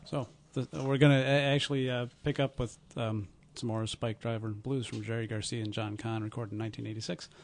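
A man with a medium-pitched voice announces casually, like a public access TV host. He talks quickly in an informal, low-key way. Light noise and ambience sit behind him. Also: little pitch movement. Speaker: board operator and co-host.

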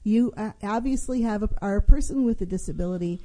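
A woman's voice: medium pitch, quick pace, dark tone. A middle-aged woman hosting a public affairs radio interview, conversational and responsive as she speaks. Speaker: radio host. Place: radio studio. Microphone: studio microphone.

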